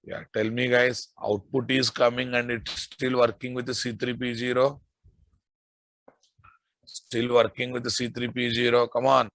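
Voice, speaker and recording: A man's voice: medium pitch, level tone, unhurried, gravelly, fairly bright tone, no room sound. A man with a Telugu Indian accent giving a live technical lecture as an instructor, repeating key phrases and checking in with his listeners. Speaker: programming instructor.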